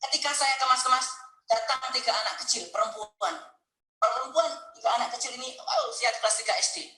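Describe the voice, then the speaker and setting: A man preaching a sermon, telling a story with deep emotion and speaking straight to his listeners. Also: animated, brisk, pushed and bright, reverberant, faint music behind, rough recording. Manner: emotional, earnest storytelling, addresses listeners directly. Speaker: Islamic preacher. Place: mosque hall.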